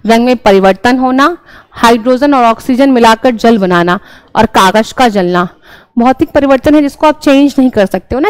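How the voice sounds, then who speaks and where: A woman's voice: fairly high pitch, dry recording, low-quality recording. Woman teacher solving exam questions. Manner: explains step by step, repeats answers, checks in with "ठीक है".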